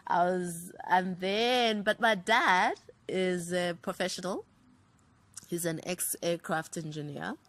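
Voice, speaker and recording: A Zambian writer and producer in her thirties recalls her childhood during a relaxed interview. Her voice sits on the low side, and she reflects thoughtfully, rattling off long strings of names.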